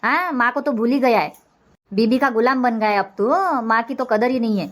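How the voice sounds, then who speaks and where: A woman's voice: a little high, brisk, lightly acted. A woman voicing a nagging middle-aged village mother-in-law in a cartoon, scolding and complaining.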